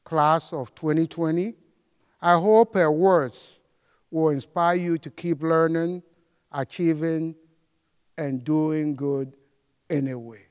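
A middle-aged man giving a formal commencement address on an auditorium stage, reciting with slow, measured pauses. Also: on the high side, steady tone, smooth, highs cut off. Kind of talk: formal ceremonial speech. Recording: long hall reverb.

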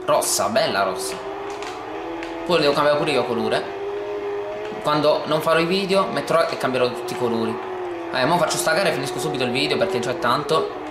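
A man commentating his racing game let's play, excitable and swearing often, talking over the game sounds. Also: mid-range voice, a little fast, long pauses, heavy background noise. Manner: says he talks oddly when excited on video. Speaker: gameplay video host. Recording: echoey room with loud game music.

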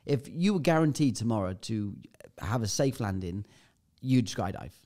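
A man's voice: on the low side, lively intonation, normal speed, mellow. A man, a podcast guest, telling a vivid anecdote in casual chat and swearing freely. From United Kingdom.

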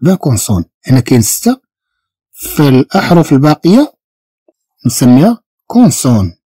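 Moroccan guy teaching beginners, says each sound over and over, warm and a bit husky. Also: medium pitch, sing-song, dry recording. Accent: Moroccan Arabic. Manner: patient, repeats sounds slowly and spells letters out. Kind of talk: beginner language lesson.

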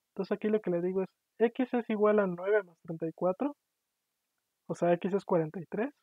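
A man's voice: high voice, dry recording. A man giving an online programming lecture, explaining patiently and often checking in with his students. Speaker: university lecturer. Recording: tinny, dry, phone-like online class audio.

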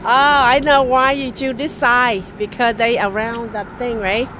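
Fishing by a river at night, a Vietnamese woman talks to her vlog viewers in a relaxed way, laughing frequently. Her voice is a little high, her delivery flat and unhurried, against a noisy background.

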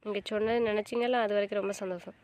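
A woman's voice: mid-range voice, very fast, slight background noise, lightly acted. An actress playing a young wife and new mother, hurt and stubborn, speaking coldly in a melodramatic family drama. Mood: cold anger. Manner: cold, flat, stubborn. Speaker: actor in a web drama.

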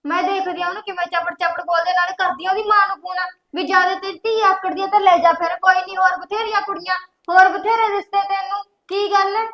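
An actress with a Punjabi accent playing a domineering, quick-tempered elder sister who scolds her brother's wife. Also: very high-pitched, little pitch movement, dull audio, slight background noise. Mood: indignant. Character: domineering, sharp-tongued elder sister of the husband. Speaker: actor in a family web drama.

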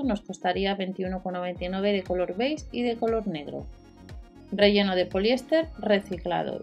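A woman's voice: mid-range voice, darkish tone. Woman reading out store deals. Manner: listing prices and specs with fillers. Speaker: deals channel host. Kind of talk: product rundown voice-over. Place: voice-over over screen recording.

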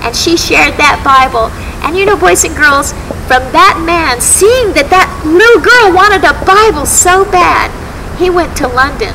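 Middle aged lady doing kids show host storytime, really high sing-songy expressive voice, bit of a noisy recording. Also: unhurried. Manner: exaggerated, expressive, simple phrasing addressed to children. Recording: clear background noise.

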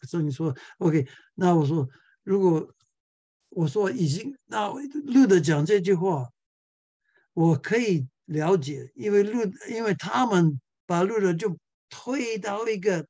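A man's voice: high voice, expressive, unhurried, mellow, no room sound. A male pastor giving a church Bible class lecture, chuckling often and repeating words as he searches for the next one.

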